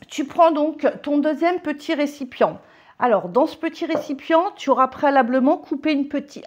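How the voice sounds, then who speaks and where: A woman with a somewhat high voice talks viewers through a homemade ritual in a casual how-to style. She keeps asking whether they are following and drifts between formal and familiar address. The recording is muffled and lo-fi. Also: a little mellow. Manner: chatty, keeps checking in with "ok?" and "d'accord?". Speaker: vlogger teaching a ritual. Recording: dull lo-fi home recording.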